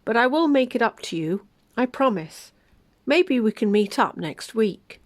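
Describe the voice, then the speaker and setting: A woman voicing a young man, an evasive boyfriend who talks in a flat, soft, hurried way. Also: a little high, no echo.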